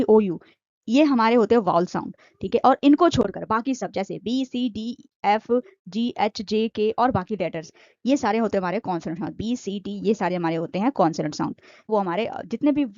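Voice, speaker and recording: A woman with a slightly high, slightly mellow voice teaches an explanatory grammar lesson, recorded with no echo but dull audio. She is repetitive, restating each point and asking questions that she answers herself.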